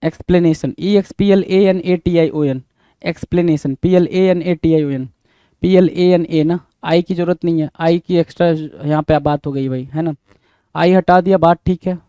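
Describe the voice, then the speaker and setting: Male tutor, higher voice with a mellow tone, spells words slowly and repeats them, recorded dry and close. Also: steady tone, clear, resonant tone, no echo. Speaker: teacher. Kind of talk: exam-prep spelling lesson.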